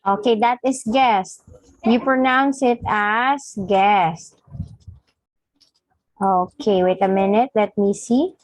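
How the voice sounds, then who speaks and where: A woman's voice: on the high side, unhurried, no echo. A woman teaching a one-on-one English lesson, patiently correcting and prompting her student.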